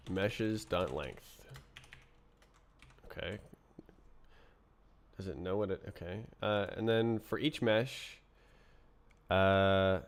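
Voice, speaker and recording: Sounding sick, a man with a lowish, smooth voice codes on a live stream. He thinks out loud as a streaming programmer, murmuring incomplete thoughts to himself.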